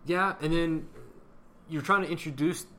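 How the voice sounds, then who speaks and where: A man chatting casually about a superhero film, asking questions and reacting quickly. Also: fairly high pitch, steady tone, pushed and bright.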